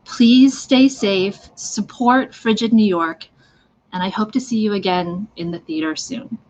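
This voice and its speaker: A woman with a medium-pitched, slightly mellow voice speaks unhurriedly while demonstrating mime makeup, casually talking through each step. It's a live online stream from a socially distanced setting, and the audio sounds dull and lo-fi.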